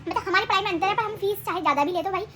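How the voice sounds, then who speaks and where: Young woman, chatty home vlogger, very high voice, rattles on at speed. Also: rapid-fire, noisy background. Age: young adult. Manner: rambling, chatty, self-correcting. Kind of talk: casual home vlog chat. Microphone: handheld phone camera.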